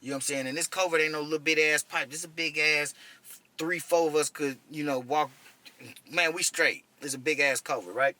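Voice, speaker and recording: A man in his thirties with a sharp, very bright voice, pitched a little high, recounting his days as a medic. He talks loosely and profanely, checking in with the listener again and again. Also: steady tone, brisk. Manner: profane, conversational, keeps asking "you know what I'm saying". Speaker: army medic veteran telling war stories. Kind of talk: casual first-person storytelling.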